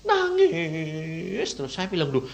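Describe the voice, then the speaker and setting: A male preacher tells a testimony in a casual, emotional way. He calls out to the congregation. His voice soars and sinks across a huge pitch range, from hushed asides to near-shouted peaks. A faint hum of noise sits under the recording. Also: wildly swooping pitch, a little slow. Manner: emotional preaching with sudden loud outbursts and soft drops; colloquial, addresses listeners as brothers and sisters. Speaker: evangelist. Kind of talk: testimony sermon.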